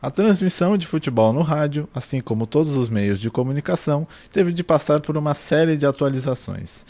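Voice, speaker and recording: Mellow Brazilian man narrating a report. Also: on the high side, animated, fairly quick. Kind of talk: scripted narration.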